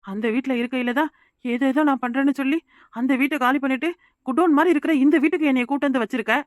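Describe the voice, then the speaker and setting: A young village wife from Kanyakumari, played by a woman, talking quickly and insistently in a high voice. The cartoon voice is close and dry, with no room around it. Her manner is pressing. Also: fairly even intonation, dry recording, close to an everyday voice. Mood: indignant. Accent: Kanyakumari Tamil. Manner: rapid, insistent, pleading. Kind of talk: cartoon voice acting.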